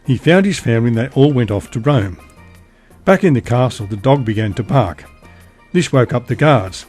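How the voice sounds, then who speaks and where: Male storyteller, calm bedtime narration, soft music bed. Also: medium pitch, normal speed, slightly rough.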